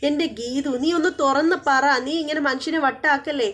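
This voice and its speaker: A flustered young husband who urges and blusters, then backs down, played by a woman retelling the scene. He is voiced a little higher and louder than her own speech. It is told as a spoken TV serial recap. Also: fairly even intonation, a little fast. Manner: impatient, urging, blustering. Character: young man, husband, flustered and quick-tempered.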